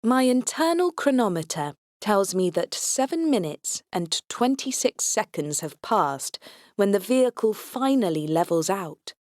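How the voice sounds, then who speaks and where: A woman narrating an audiobook in the first person. Her delivery is dry, wry and understated, at a middling pitch. The recording is close and free of room sound. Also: big pitch swings, unhurried, a little mellow, no echo. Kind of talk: first-person scripted narration as a robot agent.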